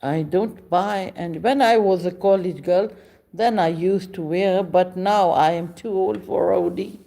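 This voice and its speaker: A woman, chatting casually with viewers on a livestream in slow, halting speech with many pauses. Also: fairly low pitch, creaky, dark tone. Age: 50s. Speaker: livestream host. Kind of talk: casual live chat with viewers.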